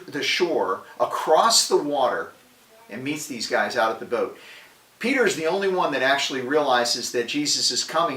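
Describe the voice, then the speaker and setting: A man hosting a podcast, giving a casual devotional talk in an energetic, conversational preaching manner. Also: fairly high pitch, distant mic. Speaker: podcast host. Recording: roomy, away from the mic.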